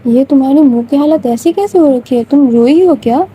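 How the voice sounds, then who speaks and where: A woman voicing a worried young woman questioning her friend in anxious rapid questions. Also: high-pitched, warm tone, natural voice, low-quality recording.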